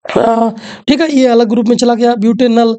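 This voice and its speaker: A woman's voice: a little high, steady tone, moderate pace, warm tone. A woman teacher, walking through exam questions and often asking the students rhetorical questions.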